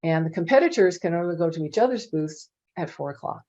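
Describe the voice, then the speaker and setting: Joining a panel from her home office, a middle-aged woman with a fairly low voice rattles off casual, anecdotal stories at a quick pace. Animated and talkative, she leans heavily on "you know" fillers, and her video call audio sounds dull and lo-fi.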